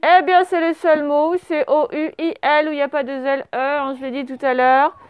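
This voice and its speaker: Woman teacher, high voice, patient, slow letter-by-letter dictation to young pupils. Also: flat delivery, highs cut off. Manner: slow, spells out words letter by letter; patient and encouraging. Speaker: primary school teacher. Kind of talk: dictation lesson for young children.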